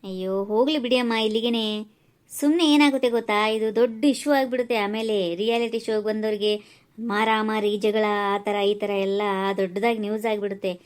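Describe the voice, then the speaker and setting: A woman's voice: a little high, steady tone, brisk, smooth, voice pushed down, close to an everyday voice. A woman voicing a polite female show host in a cartoon, soothing and placating in manner. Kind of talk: cartoon voice acting.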